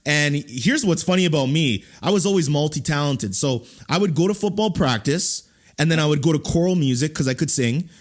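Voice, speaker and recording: A man in his thirties hosting a podcast, talking in animated bursts with frequent restarts. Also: a little high, a little fast. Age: 30s. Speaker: podcast host. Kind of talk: casual interview chat.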